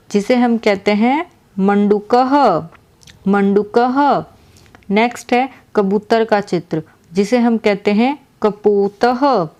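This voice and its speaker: A woman teacher explaining a lesson slowly, asking questions and repeating each answer. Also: medium pitch, darkish tone. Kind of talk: slow classroom explanation.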